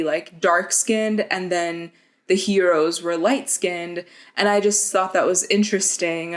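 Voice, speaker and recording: Young woman in a casual video essay. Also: fairly low pitch. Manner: conversational, with frequent "like" and "kind of".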